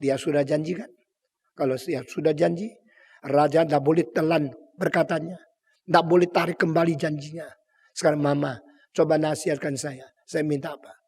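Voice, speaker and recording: A man's voice: a little high, steady tone, normal speed, darkish tone, husky, in a large hall. A man voicing an eager young girl asking her mother for advice, in a sermon.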